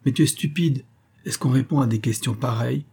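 A man's voice: mid-range voice, a little fast, gravelly, mellow, husky. A man reading a storybook, voicing a cool young wife who answers in a curt, dismissive way. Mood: disdainful.

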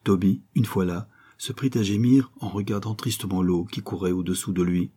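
Low, husky man narrating an audiobook. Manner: steady, measured reading. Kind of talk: scripted narration.

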